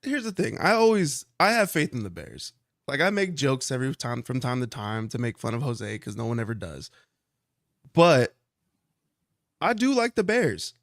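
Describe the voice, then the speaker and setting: A man appearing as a guest on a podcast, talking in a relaxed, easygoing way. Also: mid-range voice, moderate pace, vocal fry, no room sound, clean studio sound. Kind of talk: casual podcast chat.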